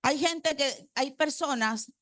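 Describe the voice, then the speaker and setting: A woman's voice: high-pitched, takes it slowly, a bit bright, no echo, studio quality. A woman preacher delivering a congregational sermon. She quizzes the congregation with rhetorical questions and repeats key phrases for emphasis.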